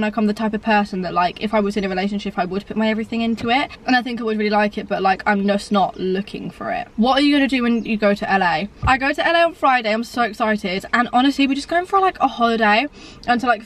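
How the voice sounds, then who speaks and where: A woman's voice: medium pitch, distant mic. An eighteen-year-old woman chatting casually to camera as a vlogger, with lots of "like". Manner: chatty, filler-heavy, lots of "like". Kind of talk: casual mukbang chat to camera.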